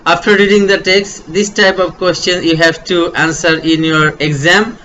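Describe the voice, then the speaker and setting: Bangladeshi man, English tutor, high bright voice, unhurried drill-style delivery with "uh" fillers, faint hiss. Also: fairly even intonation, muffled recording. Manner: slow, repetitive, step-by-step explaining with fillers. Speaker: teacher. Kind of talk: online English grammar lesson.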